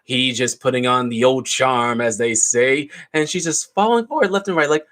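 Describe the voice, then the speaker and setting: Man, film reviewer, casual chatty retelling, rambling asides, mid-pitched voice. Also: normal speed, a bit bright. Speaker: movie reviewer.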